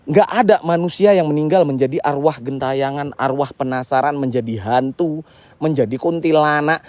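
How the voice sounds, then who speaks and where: A young man streams live from a graveyard at night, speaking into a handheld mic. His voice sits a little high and sounds dry and close, with crickets and insects chirping behind him. He talks casually to his viewers as he walks and breaks into prayers when he gets spooked. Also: normal speed, darkish tone, no room sound. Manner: addresses viewers as "men" and "teman-teman", recites Islamic prayers when startled. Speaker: ghost-hunting live streamer. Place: public cemetery outdoors at night.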